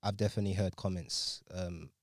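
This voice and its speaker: Low-voiced young man. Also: fairly even intonation, a little fast, no echo, studio quality. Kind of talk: casual group discussion.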